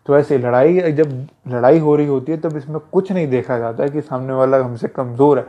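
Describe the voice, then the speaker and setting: Speaking at a moderate pace in a mid-range voice, a self-defense instructor offers casual, conversational advice, going over the same things repeatedly and calling his listener "brother." The audio is dull and lo-fi.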